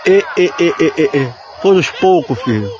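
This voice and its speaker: A man giving excited, swearing live commentary at an outdoor balloon launch, calling out and mock-praying as he films. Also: on the high side, normal speed. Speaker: balloon enthusiast filming a launch. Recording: outdoor phone recording with loud crowd noise.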